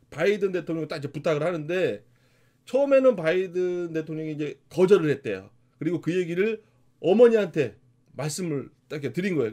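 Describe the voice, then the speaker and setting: A man from South Korea delivers a motivational lecture with lively, emphatic storytelling. His voice runs high and leaps around a lot. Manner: animated, emphatic storytelling with laughs. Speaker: motivational speaker.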